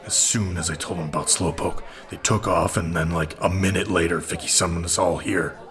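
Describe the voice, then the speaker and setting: A man's voice: low voice, steady tone, brisk, fairly bright tone. A man playing a laid-back, slightly defensive slacker in an audio comedy drama, with a casual, slangy way of talking.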